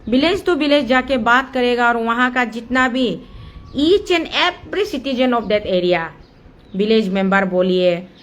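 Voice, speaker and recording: A woman with an Arunachal Pradesh accent speaks in a slightly high, somewhat bright voice, with a little hiss or hum. An activist on a local dam issue, she gives an impassioned monologue explaining a procedure step by step, mixing English phrases into her Hindi.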